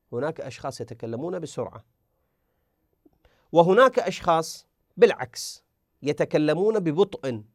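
A Quran recitation teacher with a fairly high-pitched voice gives a tajweed lesson, speaking patiently, repeating words and drilling the examples aloud. The recording is studio quality with no room sound.

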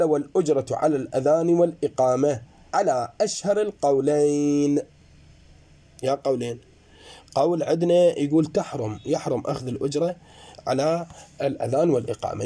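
A man lecturing on jurisprudence, his voice mellow and set a little high for a man. He explains and repeats points for his students and swings up and down in pitch as he teaches. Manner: explanatory, addresses students as brothers, rises and drops in pitch. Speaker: seminary teacher.

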